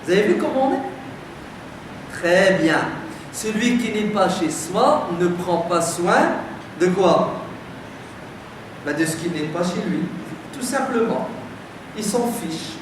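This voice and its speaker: In a community centre hall, a French preacher gives a lively sermon-lecture to a live audience, conversationally firing emphatic rhetorical questions at them. He has a high-pitched voice with lively intonation, a slow pace and long pauses. The sound is distant, noisy and very echoey.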